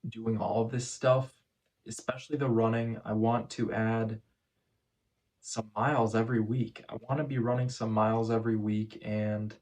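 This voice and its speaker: A man talking casually in a first-person vlog recap, phrasing things in a measured, deliberate way with pauses. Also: fairly low pitch, flat delivery, darkish tone. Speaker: vlogger.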